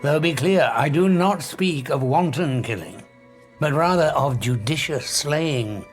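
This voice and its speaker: A man playing a menacing, paranoid megalomaniac scientist who has turned invisible, grandiose and deliberate in an audio drama. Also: fairly high pitch, soft background music, close to an everyday voice. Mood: grandiose menace.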